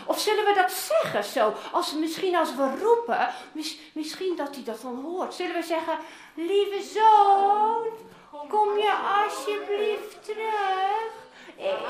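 A woman playing a loving older father who longs for his lost son, telling a Bible story to children in an animated, coaxing way. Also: high-pitched. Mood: tender. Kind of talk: interactive Bible story role-play for children. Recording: roomy echoing room.

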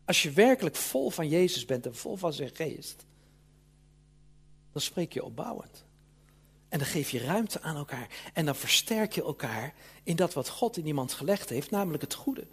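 Husky-voiced man preaching earnestly. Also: on the high side, sing-song, normal speed. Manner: earnest, emphatic preaching with tag questions. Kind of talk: sermon.

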